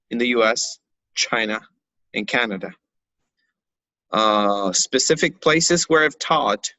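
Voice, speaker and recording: A man's voice: mid-range voice, bright, forceful tone, no room sound, rough recording. A young man from Argentina, an English teacher, introducing himself in an online lesson with many hesitations and fillers.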